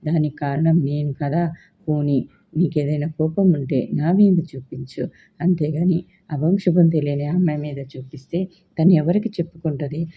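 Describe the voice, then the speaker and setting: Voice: medium pitch, fairly even intonation, moderate pace, breathy edge. Give me a narrator doing a stern middle-aged mother telling off her son, in a slightly muffled recording. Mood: pleading. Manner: demanding, reproachful questions.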